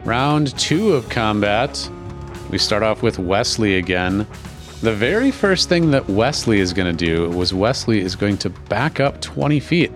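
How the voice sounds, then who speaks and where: A man's voice: lowish voice, lively intonation, unhurried, faint music behind. A man in his forties from Milwaukee with an American accent, running a tabletop game as host and game master in a rambling, sweary, casual way. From Milwaukee, USA.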